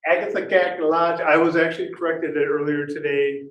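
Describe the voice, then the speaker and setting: A man's voice: a little high, steady tone, brisk, fairly bright tone, highs cut off. A man giving a casual conference talk, quizzing the audience and laughing at himself. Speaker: conference speaker. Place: conference room. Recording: echoey hall, voice heard from a distance at times.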